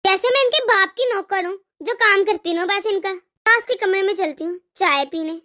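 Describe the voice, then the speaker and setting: A woman's voice: extremely high pitch, moderate pace, sharp tone. A woman voicing an arrogant, lazy young wife in a cartoon who taunts her in-laws with scorn. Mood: scornful. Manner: taunting, sneering.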